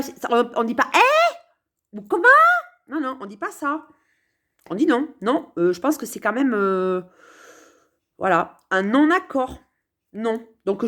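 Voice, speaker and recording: A woman musing playfully to camera from her sofa at home, meandering with many hesitations and repeated words. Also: on the high side. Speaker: vlogger. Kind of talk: rambling casual musing to camera.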